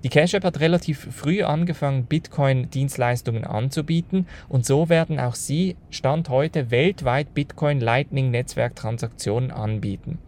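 A male podcast host reads a brisk news rundown on a low-quality recording made on the road. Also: a little mellow. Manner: brisk, matter-of-fact, talks straight to listeners. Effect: low-quality audio recorded on the go. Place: on the road, away from his usual setup. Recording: faint noise and low rumble, lo-fi mobile recording.

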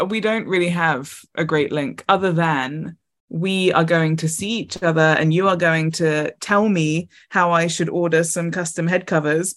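Chatty woman podcast co-host, slightly low. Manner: chatty, quick asides, laughs often. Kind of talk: casual chat.

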